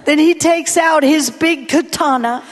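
A woman preaching a sermon in short phrases for an interpreter, animated and playful. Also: sits high, a little slow. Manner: animated, playful, laughs often. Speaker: guest preacher. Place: church hall. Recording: reverberant hall.

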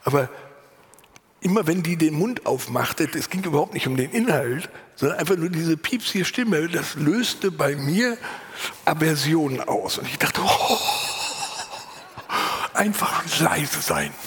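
A pastor preaching a sermon, earnest and lively, sometimes dropping to a whisper and then rising for emphasis, with a voice he himself calls unusual. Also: fairly high pitch, measured pace, in a large hall, slight background noise. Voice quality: husky. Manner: earnest, varied, drops to whispers and rises for emphasis. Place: church.

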